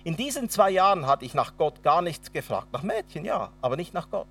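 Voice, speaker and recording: A man's voice: a little high, very animated, a little fast, a bit bright, distant mic, faint music behind. A man with a Swabian accent preaching a sermon and telling his own testimony, acting out the dialogue dramatically. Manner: dramatic storyteller, acts out dialogue.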